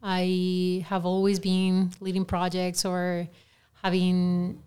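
A woman's voice: lowish voice, takes it slowly, clean tone. A woman from Peru with a Peruvian Spanish accent, a native Spanish speaker, talking candidly and easily in a casual podcast conversation. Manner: candid, lively, laughs easily. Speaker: formator on a podcast panel.

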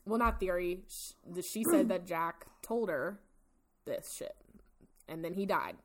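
A woman's voice: lowish voice, unhurried. Informal woman telling a true-crime story. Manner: giggly, informal, swearing. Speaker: podcast host. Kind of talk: casual true-crime storytelling, partly read from notes.

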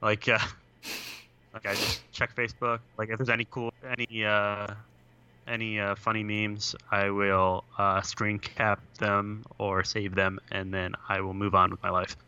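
Young guy rambling on a choppy video call, bright smooth voice, says like a lot. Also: fairly low pitch, little pitch movement, unhurried, dull audio. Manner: rambling, full of "like" and "uh". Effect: video call audio that breaks up. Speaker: podcast co-host. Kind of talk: casual chat. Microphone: computer on a video call.

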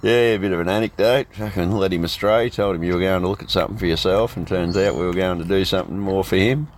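A man's voice: low voice, quick pace, a little hiss or hum. A man in his fifties with an Australian accent, hosting a casual, sweary chat full of blokey slang. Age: 50s. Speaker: host.

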